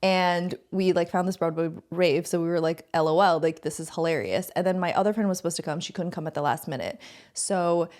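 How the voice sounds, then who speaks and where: A woman's voice: lowish voice, fairly even intonation, fairly quick, darkish tone. A woman with a Long Island accent co-hosting a podcast, telling stories in a chatty, giggly way with many likes. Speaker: podcast co-host. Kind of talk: casual chat.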